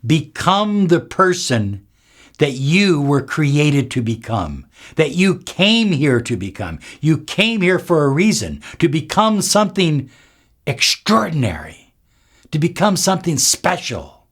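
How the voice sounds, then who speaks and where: A man's voice: on the high side, big pitch swings, slow, husky. A man speaking as a spiritual self-help coach, giving an emphatic motivational talk straight to viewers and repeating phrases for effect.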